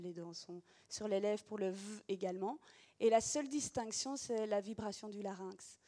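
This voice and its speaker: A woman's voice: medium pitch, dark tone. A woman teacher giving an explanatory demonstration of reading gestures, talking patiently with frequent hesitations.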